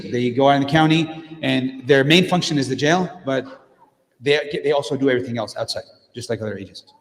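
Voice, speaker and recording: A middle-aged man giving a direct, plainspoken talk as a guest speaker at a mosque, with frequent fillers and restarts. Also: medium pitch. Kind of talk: informal community talk with Q&A. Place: mosque hall. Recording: echoey hall with long reverb.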